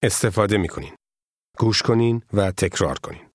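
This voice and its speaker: A man with a fairly low voice narrates a language course in a measured, formal way. The sound is dry and close, with no room around it. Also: no echo. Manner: measured, formal teaching delivery. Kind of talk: scripted instructional narration.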